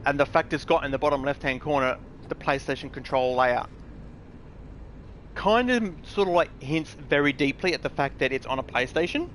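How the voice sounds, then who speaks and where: A man's voice: on the high side, moderate pace, fairly bright tone, slight background noise. A grown man ranting bluntly and with frustration, swearing and mocking what others say. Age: adult. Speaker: gamer vlogger. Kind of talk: angry ranting commentary.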